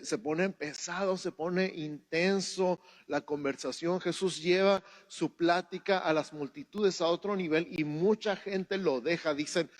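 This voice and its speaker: A man's voice: a little high, no echo. A man with a Mexican accent preaching a sermon at a church service, telling stories and acting out what people said. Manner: animated storytelling with acted-out quotes. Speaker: pastor.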